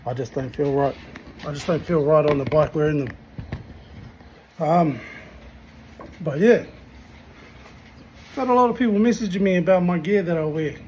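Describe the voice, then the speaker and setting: A man's voice: a little high, normal speed, pauses often, darkish tone, a little hiss or hum, rough recording. A man giving a casual, blunt rant to camera in sweary slang. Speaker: motorcycle vlogger.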